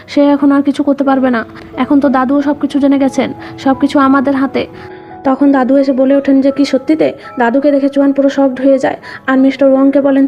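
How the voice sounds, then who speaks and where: Woman, high voice, very flat monotone delivery, drama recap voice-over, quiet music underneath. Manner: reads quoted dialogue in the same even narrating voice. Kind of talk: scripted drama recap narration. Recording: dull lo-fi voice-over with background music.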